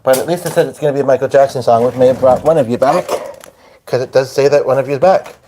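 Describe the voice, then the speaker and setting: Talking fast in a medium-pitched voice, a man live-streams from his piano at home, with the phone mic picking up a noisy background. The clip comes from Hungarian. He rambles through a casual chat with viewers as he sets up to play.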